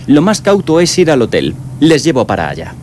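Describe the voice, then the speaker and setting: Formal, pedantic chauffeur, animated pitch. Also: male voice, a little hiss or hum. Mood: calmly reassuring. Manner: formal, deliberate, insistent. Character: polite, pedantic male chauffeur, unflappable servant. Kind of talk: audio drama acting.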